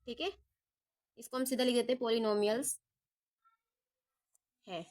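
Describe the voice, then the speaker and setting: A woman maths teacher with a slightly high voice moves at a quick pace through problems, one step at a time. She is patient, poses questions and answers them herself, and says "ठीक है" often.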